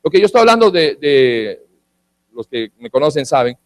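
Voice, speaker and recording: A man's voice: fairly high pitch, very animated, moderate pace, dry recording. A man preaching a sermon as pastor, blunt and emphatic, with frequent restarts and acted-out quotes.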